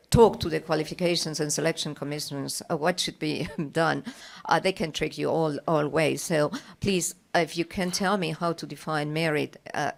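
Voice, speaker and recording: Low gravelly woman asking a panel. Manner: hesitant, many fillers, lightly humorous. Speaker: panel participant asking questions. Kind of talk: conference discussion. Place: conference room.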